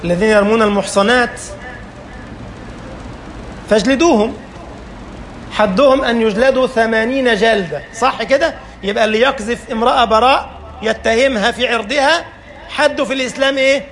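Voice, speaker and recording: High-pitched, gravelly Egyptian preacher. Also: male voice, brisk, pauses often, a bit bright, slight background noise. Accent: Egyptian Arabic. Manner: emphatic, with frequent rhetorical questions. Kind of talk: colloquial sermon.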